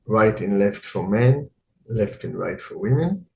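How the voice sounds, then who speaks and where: A man leads a guided meditation calmly and without hurry, using short phrases separated by long pauses. His voice sits on the low side and sounds gravelly, with a little hiss or hum in the audio.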